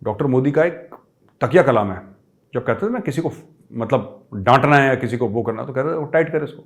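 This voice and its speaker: Animated middle-aged male storyteller. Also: mid-range voice, brisk. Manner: lively, acts out quoted people with raised voice, mixes English phrases. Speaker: show host telling a personal story.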